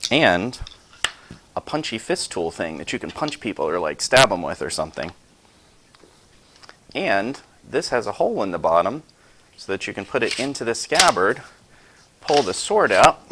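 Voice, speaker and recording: A man's voice: fairly low pitch, fairly bright tone, a little hiss or hum. A man in his forties casually showing off his collection at home, chatty and self-deprecating, with rambling asides. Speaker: YouTube host showing his sword collection. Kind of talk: casual show-and-tell vlog.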